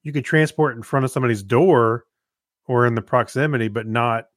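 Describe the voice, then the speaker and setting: A mid-range male voice, fairly quick, comes through clean studio sound with no room sound. He co-hosts a podcast and talks casually and conversationally.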